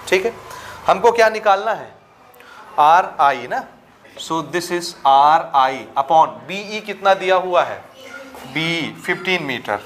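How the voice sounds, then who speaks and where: A man's voice: high voice, fairly bright tone, a little hiss or hum. A man teaching a school maths lesson step by step, often asking whether the students are following and switching into English for technical terms. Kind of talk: blackboard-style maths lesson.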